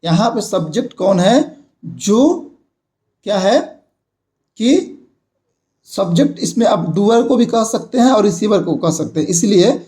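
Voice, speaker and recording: A man's voice: high-pitched, expressive, unhurried, long pauses, dark tone. A young man explaining a grammar lesson, repeating points and checking in with his viewers. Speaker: grammar teacher.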